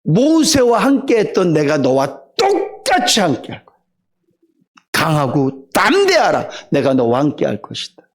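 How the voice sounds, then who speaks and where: A man voicing God as a calm, reassuring presence, speaking low and gentle. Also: fairly quick, gravelly, hardly any pauses, husky, full character voice.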